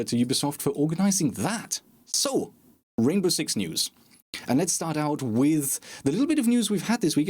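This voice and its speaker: A man's voice: on the high side, a little mellow. A man hosting a casual gaming podcast, chatty and self-deprecating, with sarcastic asides. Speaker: podcast host.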